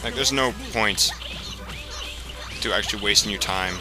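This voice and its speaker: A let's play host gives casual, rambling commentary on a video game playthrough, explaining things as he goes and swearing a lot. His voice is fairly low pitched at a normal speed, with video game music and sound in the background.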